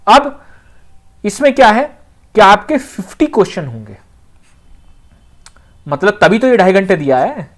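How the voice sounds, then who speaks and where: With a sing-song, medium-pitched voice, this exam coaching teacher speaks a little slowly and pauses often. The explanations are informal and conversational, full of repetition and check-in phrases to make sure students follow.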